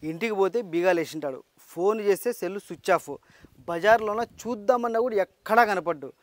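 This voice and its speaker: A man with a high voice and quick delivery complains loudly in a village comedy skit. He, and his voice sounds close and dry. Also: no room sound. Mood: complaining. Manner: complaining, shouting.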